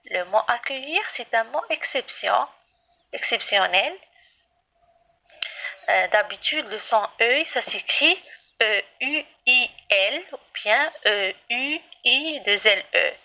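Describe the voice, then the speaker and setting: Woman primary teacher, slightly high and bright, patient and encouraging, spells out each letter. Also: lively intonation, creaky, lo-fi sound. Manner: slow, patient, spells out letters and praises often. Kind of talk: reading lesson for young children.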